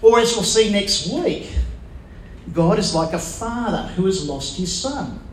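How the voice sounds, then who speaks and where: High-voiced preacher in an echoey room. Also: male voice, expressive, slight background noise. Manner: asks the congregation questions, emphatic pauses. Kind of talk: sermon. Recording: echoey room with faint ambience.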